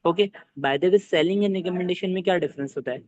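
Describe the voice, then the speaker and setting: A man leading an online training session for his team, talking fast and quizzing listeners with either-or questions. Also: sits high, dry recording, muffled recording.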